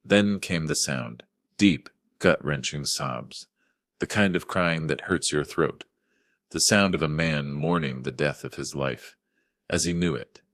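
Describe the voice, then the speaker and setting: Very deep-voiced older man narrating. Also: unhurried, fairly bright tone, dry recording, studio quality. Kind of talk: first-person story narration.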